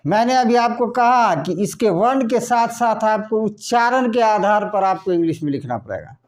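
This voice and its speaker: A man teaching a lesson in a slow classroom style, asking questions and then answering them himself. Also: high-pitched, lively intonation. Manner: asks questions and answers them himself, repeating words slowly.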